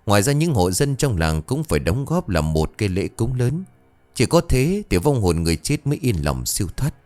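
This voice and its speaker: A man voicing a stern old male village exorcist who speaks in a calm, instructive way, in an audio ghost story. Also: on the low side, fairly quick, soft background music. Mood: grave counsel.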